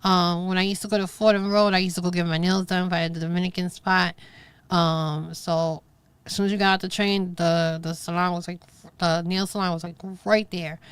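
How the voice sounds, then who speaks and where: A woman's voice: on the low side, fairly bright tone, smooth, no echo. A middle-aged woman with a Brooklyn New York accent, hosting a podcast in casual, rambling chat with emphatic asides. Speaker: podcast host. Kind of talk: casual solo chat to a live stream.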